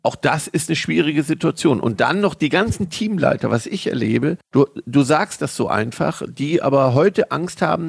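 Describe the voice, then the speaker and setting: A man's voice: on the high side, creaky, husky, dry recording, clean studio sound. A middle-aged man hosting a casual podcast conversation, talking emphatically and rambling with lots of filler tags. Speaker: podcast host.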